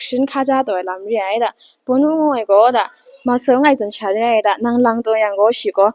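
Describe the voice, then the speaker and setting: A woman giving an unhurried talk, often pausing and hesitating. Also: fairly high pitch, a little mellow, dry recording.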